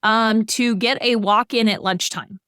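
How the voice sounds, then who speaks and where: A woman's voice: a little high, steady tone, unhurried, fairly bright tone, smooth, dry recording, clean studio sound. A middle-aged woman on a financial podcast, explaining goal-setting with everyday examples in a conversational way.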